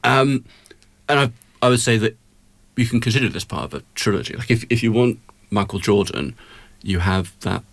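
A man's voice: lowish voice, expressive, moderate pace, pauses often, no room sound. A man giving a conversational film review as a critic, in a hesitant, wry way.

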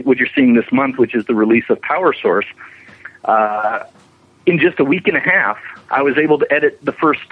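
Heard through a dull, radio-like lo-fi remote connection, this male interview guest, a visual effects animator, talks at length about his work. His mid-range voice has a breathy edge, and his manner is casual, enthusiastic and explanatory.

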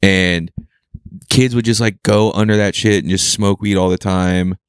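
A man's voice: low-pitched, fairly even intonation, a little slow, clean tone, no echo, clean studio sound. A young man telling rambling, profane stories in casual podcast chat. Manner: rambling, profane storytelling with laughs. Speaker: podcast co-host.

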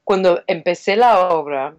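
Lively New York Puerto Rican woman. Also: lowish voice, measured pace, lo-fi sound. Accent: New York Puerto Rican Spanish. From Puerto Rican community in New York. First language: English. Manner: lively storytelling, animated quoting. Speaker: playwright and actor, interviewee. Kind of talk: casual interview, mixing in English.

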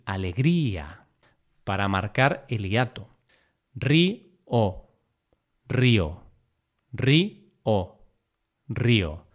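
A man narrating a scripted spelling lesson, repeating example words with deliberate, careful syllable stress. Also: medium pitch. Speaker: language teacher.

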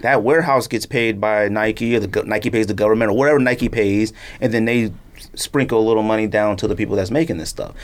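This sneaker podcast host, a middle-aged man recording in a podcast studio, has a voice on the low side and a quick pace. He's casual yet emphatic, wandering off on tangents and circling back to hammer his views.

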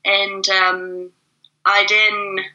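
Middle-aged German woman, native German speaker, interview guest: a very bright voice, hesitant and reflective, lots of ums. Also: medium pitch, level tone, extremely slow, highs cut off. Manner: thoughtful, many fillers and restarts. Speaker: guest, facilitation trainer. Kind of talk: casual interview conversation.

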